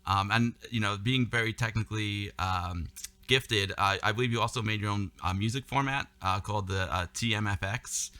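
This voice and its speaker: A man hosting an interview, asking questions in a halting way with frequent uhs and repeated words. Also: fairly low pitch, sharp tone. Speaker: interview host.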